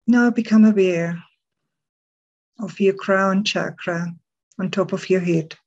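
A woman leading a guided meditation in a soft, breathy, soothing voice, leaving long pauses between short phrases. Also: medium pitch, highs cut off.

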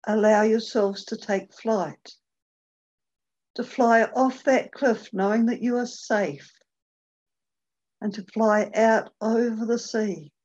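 A woman leading a guided meditation, speaking gently and unhurriedly with long pauses. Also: on the high side, muffled recording.

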